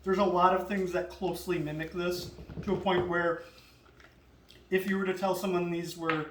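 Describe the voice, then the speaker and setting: A man with a high voice chats through a casual snack review as its lead. He is halting and searches for words. The room is very echoey, with faint noise behind him. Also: level tone, recorded from a distance. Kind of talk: casual group chat review.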